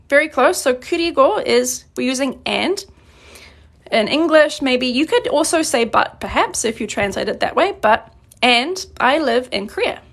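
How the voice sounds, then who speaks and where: A woman from New Zealand teaching a live-streamed grammar lesson, explaining patiently and clearly, slowing down on her examples. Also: high-pitched, fairly bright tone. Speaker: Korean language teacher.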